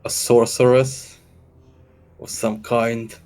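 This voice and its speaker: A man playing a hesitant, bewildered fellow feigning bravery in a tabletop game, halting and stammering as he talks. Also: mid-range voice, little pitch movement, a little mellow, soft background music, lightly acted. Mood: shaken, halting.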